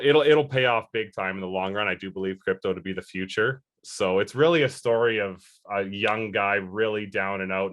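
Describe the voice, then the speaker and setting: As an interview guest, this early-thirties man has a low, slightly bright voice. He replies to the questions earnestly, wandering a bit with fillers and false starts.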